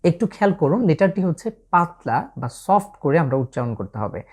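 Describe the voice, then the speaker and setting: With a deep, sing-song voice that's a little mellow and breathy at the edges, a woman with a Bangladeshi Bengali accent teaches Arabic letter sounds for the Quran. She is slow and patient, stretching each letter as she demonstrates.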